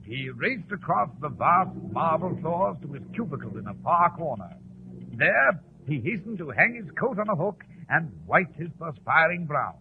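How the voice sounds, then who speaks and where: An actor playing a genial, courteous gentleman doctor telling stories from his memoirs in 1940s radio style. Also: a little high. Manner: genial, courteous, measured storyteller. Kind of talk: 1940s radio acting, storytelling narration. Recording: tinny, noisy old radio recording.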